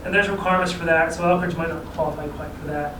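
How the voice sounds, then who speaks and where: A fast-talking regional transportation planner with a slightly high, steady voice presents to a city council. He keeps it casual and explanatory, chuckling at his asides, in an echoey chamber captured from a distant mic with clear background noise.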